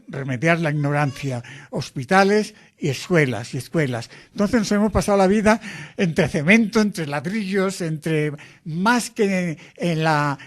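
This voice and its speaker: An older priest talks about his missionary work in a slow, earnest, explanatory way. His voice sits a little on the high side for a man. He lays out each point with care.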